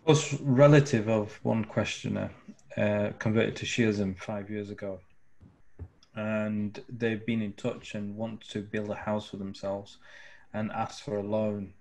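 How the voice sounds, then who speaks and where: A man moderating a live Q&A, reading out questions and chatting in a relaxed, good-humoured way. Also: on the low side, unhurried, gravelly, rough recording. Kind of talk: reading questions, casual chat.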